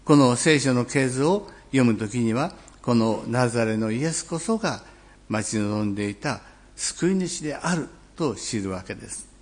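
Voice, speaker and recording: Preaching in an expressive, mid-range voice, a man gives a thoughtful, unhurried sermon. He lingers on important phrases and occasionally pauses to clear his throat.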